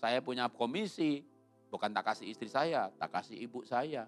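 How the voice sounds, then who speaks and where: A man from Solo, a pastor telling a humorous sermon story that suddenly jumps high and loud, then closing in prayer. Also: expressive, moderate pace, soft background music. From Solo, Central Java, Indonesia.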